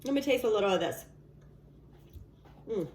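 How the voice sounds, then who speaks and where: A woman presents a casual cooking video with chatty, emphatic delivery, stretching certain phrases for weight. Her pitch sits in the middle range for a woman. The room is noticeably echoey, with faint noise behind her. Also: expressive, moderate pace, darkish tone. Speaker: cooking show host.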